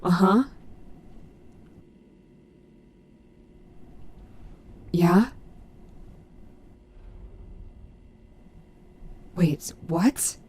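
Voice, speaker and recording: A woman voicing a gruff but maternal animatronic wolf in an audio roleplay, fiercely protective, with halting, earnest, emphatic delivery. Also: fairly low pitch, darkish tone, slight background noise. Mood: reassuring. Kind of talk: dramatic audio roleplay addressed to the listener.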